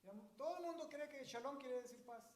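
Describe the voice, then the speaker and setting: Male pastor, high voice, emphatic sermon, echoey church. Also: fast talker. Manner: emphatic preaching, explains Hebrew words. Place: church sanctuary.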